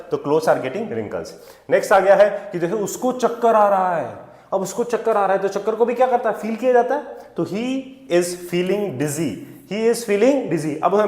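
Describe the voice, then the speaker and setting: High-voiced male teacher in an echoey room. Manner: explains in Hindi, drops into slow, stretched English examples; asks questions and answers them himself. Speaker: English teacher. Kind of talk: spoken English lesson. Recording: echoey room with long reverb.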